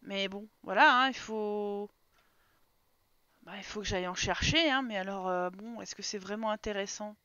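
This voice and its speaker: A woman's voice: medium pitch, moderate pace, pushed and bright, smooth, no echo. A woman streaming a life-simulation game live, chatting with viewers and laughing as she reacts to what happens on screen. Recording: dry, slightly dull sound.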